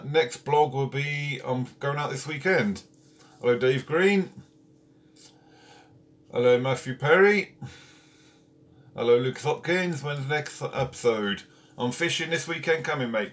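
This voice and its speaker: A man's voice: medium pitch, fairly bright tone. A man hosting a casual live stream from home, chatting and greeting viewers one by one by name. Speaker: carp fishing channel host. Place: at home, indoors.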